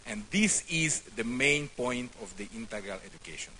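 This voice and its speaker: A man from Hungary, giving a speech to a congress in short phrases with pauses for an interpreter. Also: medium pitch, lively intonation, pushed and bright, slightly rough. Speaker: congress speaker.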